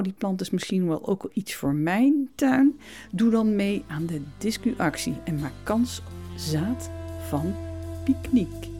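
A woman hosts her gardening podcast from a home studio, chatting casually and often pausing or starting her sentences over. Her voice sits fairly low with a mellow, relaxed tone. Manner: chatty, frequent hesitations and restarts. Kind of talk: casual storytelling monologue. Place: home studio with cats around.

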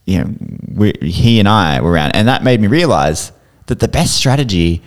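A man's voice: lowish voice, sing-song, moderate pace. An Australian man co-hosting a podcast in casual, informal chat. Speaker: podcast co-host.

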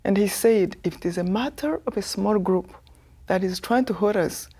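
A Rwandan author in her fifties, appearing as a guest, tells her life story earnestly and softly in a Rwandan accent. Her husky voice sits mid-range and moves at a normal speed.

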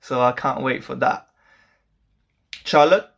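A man's voice: mid-range voice, fairly even intonation, normal speed, a bit bright. Encouraging man hosting a chat. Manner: encouraging, supportive. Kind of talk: casual chat.

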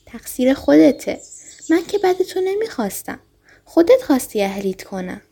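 A woman's voice: high voice, big pitch swings, gravelly, mellow, exaggerated voice. A woman voicing an earnest young boy prince in a storybook reading, speaking in a proud and insistent way. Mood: puzzled.

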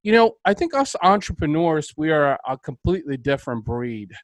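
A man's voice: a little high, big pitch swings, moderate pace, no echo, poor audio. Upbeat male podcast host. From Bulgaria. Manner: enthusiastic, motivational, emphatic. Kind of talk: interview conversation.

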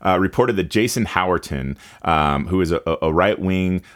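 A man giving heated opinion commentary, indignant and halting, with many fillers and restarts. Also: sits low.

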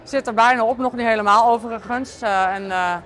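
A woman hosting her podcast in a candid, casual video diary, tired and halting, with many fillers. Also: fairly high pitch, fairly bright tone, a faint crowd. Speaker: podcast host.

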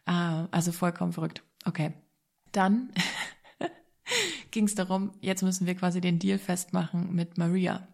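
A woman with a lowish voice and a gravelly, creaky edge tells a personal story. She talks casually and with excitement, sprinkling English words through her sentences. Her telling stays loose and animated. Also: measured pace, long pauses.

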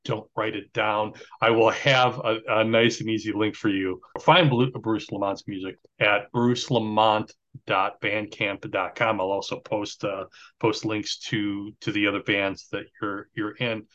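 A man's voice: on the low side, little pitch movement, a little slow, a bit bright, muffled recording. A man hosting a podcast interview. He asks questions and reads the show's plugs and outro, and he often agrees with "yeah". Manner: friendly, says "yeah" and laughs along. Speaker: podcast host.

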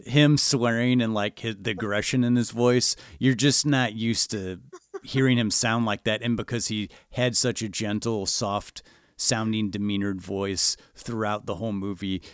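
A man talks earnestly about a film, rambling a little with "you know" and "like." His voice sits on the low side and sounds smooth and resonant. The recording is dry and close. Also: steady tone, measured pace, dry recording. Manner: earnest, thoughtful, rambling with fillers. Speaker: podcast co-host. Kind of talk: casual film discussion.

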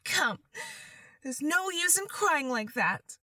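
A woman's voice: high voice, big pitch swings, slow, sharp tone, no room sound, recorded from a distance, voice pushed up, exaggerated voice. A woman voicing Alice, a curious, fretful little girl, in a storybook reading. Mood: scolding.

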